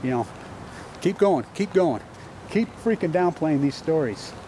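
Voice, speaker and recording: High-voiced man in an angry outdoor rant. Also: expressive, unhurried, slight background noise. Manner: agitated, profane, urgent shouting rant. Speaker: video blogger. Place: outdoors on a campus lawn. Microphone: phone camera at arm's length.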